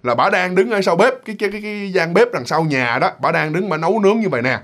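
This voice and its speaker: A man with a Mekong Delta accent who tells a ghost story casually, talking straight to his audience. His voice is high for a man, and his delivery rushes along with loose, repeated phrasing. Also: lively intonation, fairly bright tone. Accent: Southern Vietnamese, Mekong Delta. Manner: chatty, loose and repetitive, addresses listeners directly. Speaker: storyteller, channel host.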